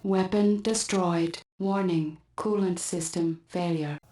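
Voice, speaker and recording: Woman as a slow robotic mech computer voice. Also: lowish voice, steady tone, low-quality recording. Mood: cold alert. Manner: terse clipped warning announcements. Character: female onboard computer of a combat mech, cold and flat. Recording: game audio under loud gunfire and explosions.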